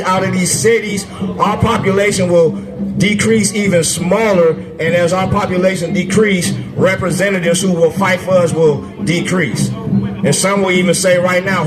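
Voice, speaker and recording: A man running for office giving a conversational, forceful stump speech to a crowd at an outdoor festival. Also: sits high, poor audio. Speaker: candidate for state assembly. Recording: music playing behind the speaker.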